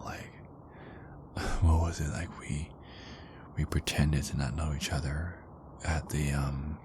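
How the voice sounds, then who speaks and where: Taking the role of a tender but insecure werewolf boyfriend, a man performs an intimate ASMR roleplay in a low-pitched, halting hush that drifts into whispers. Background noise can be heard.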